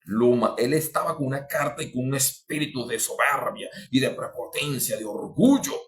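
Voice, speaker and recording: A man preaching a sermon, fervent, with sudden rises in pitch and loudness, repeating and restarting phrases as he speaks to his listeners. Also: lively intonation, moderate pace. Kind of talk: podcast sermon.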